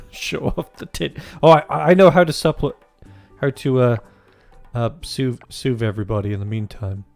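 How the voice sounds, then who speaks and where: This gaming video host's mid-range voice is unhurried and creaky, with long pauses and no echo. He jokes crudely and casually as he plays a farming game, rambling and frequently restarting sentences while faint game music plays.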